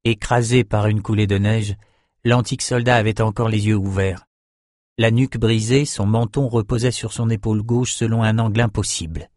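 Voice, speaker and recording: Un homme qui narre un roman en livre audio, d'une lecture posée et régulière. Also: male voice, lowish voice, fairly even intonation, normal speed, a little mellow, no room sound. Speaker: narrator. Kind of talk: scripted audiobook narration. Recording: dry studio recording.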